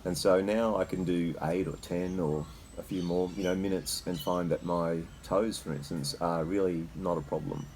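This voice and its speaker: An Australian man talking casually and haltingly as host, with a slight cold shiver in his voice as he sits in icy water. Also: sits low, fairly even intonation, darkish tone, slight background noise, low-quality recording. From Queensland, Australia. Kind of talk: casual unscripted talk. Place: sitting in a freezer full of icy water.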